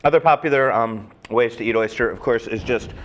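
A man's voice: mid-range voice, brisk. A man hosting a cooking segment, chatting easily and asking his guest questions. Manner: easygoing, chatty, asks questions. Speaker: host.

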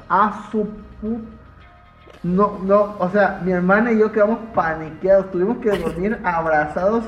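A young Mexican man tells horror stories in a loose, slangy, animated way. His voice sits a bit high. The recording sounds roomy and dull, with faint music behind. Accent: Mexican Spanish. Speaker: podcast guest. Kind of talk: casual chat.

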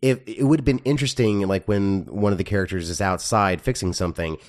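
A man's voice: on the low side, quick pace. A man co-hosting a casual movie podcast, thinking aloud in a hesitant way with many restarts. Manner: thoughtful, hesitant, restarts often. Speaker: podcast co-host, film reviewer. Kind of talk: casual chat.

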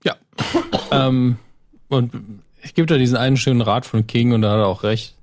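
A young man in casual conversation, relaxed and reflective, with dry remarks. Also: mid-range voice, moderate pace. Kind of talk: casual chat.

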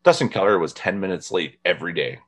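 Talking fast in a low voice, a northern Indiana man hosts a casual podcast conversation, spinning funny stories and laughingly quoting others as he goes.

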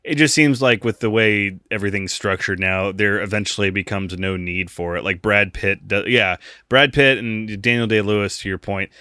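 Sharp in tone and lowish in pitch, this US podcast co-host keeps a moderate pace with few pauses. He jokes around casually, rambling and laughing a lot. It's studio quality with no echo.

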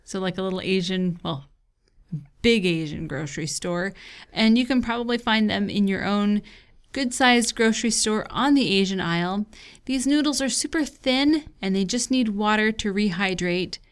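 A woman's voice: mid-range voice, normal speed, smooth. A woman hosting a hiking podcast in casual chat, playful and teasing, explaining things step by step. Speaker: podcast co-host. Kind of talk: casual chat and show segments.

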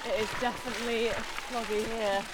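A woman's voice: a little high, little pitch movement, brisk, background noise. A woman hosting a podcast interview on an open hillside, chatty and appreciative, asking her guest questions. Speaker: podcast host. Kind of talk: casual outdoor interview.

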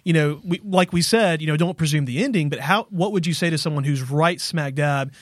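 A man co-hosting a faith podcast, talking quickly and loosely, sprinkling in fillers as he asks questions. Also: on the high side, dry recording, clean studio sound. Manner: quick, full of "you know" fillers, friendly questioning. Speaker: podcast co-host. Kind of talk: casual faith podcast chat.

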